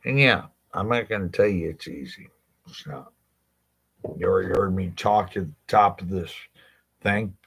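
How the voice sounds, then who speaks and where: A man's voice: deep voice, normal speed, vocal fry, pauses often, a bit bright, breathy edge. A man, a legal rights advocate, speaking directly to his viewers in a blunt, impassioned monologue, swearing freely and asking rhetorical questions.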